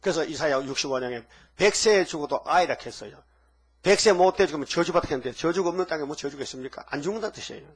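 A man with a husky voice preaching a sermon emphatically, firing off rhetorical questions at the congregation. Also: a little high, fast talker. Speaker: pastor.

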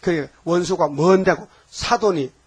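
Husky older man preaching a fiery sermon. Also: steady tone, a little slow. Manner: rhetorical questions to the congregation, shouting and then dropping low. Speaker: pastor.

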